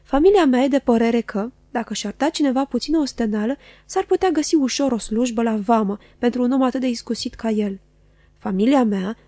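A woman's voice: fairly high pitch, dark tone, no echo, close to an everyday voice. A woman doing a tearful, melodramatic wife. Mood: earnest. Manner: declaiming, dramatic, insistent. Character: emotional, melodramatic middle-aged wife, loyal and tearful. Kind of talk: audiobook character voice.

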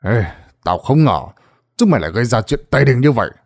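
A man voicing a stern, gruff older village sorcerer in a spoken ghost story. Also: medium pitch, sing-song, quick pace. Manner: gruff, scolding, commanding.

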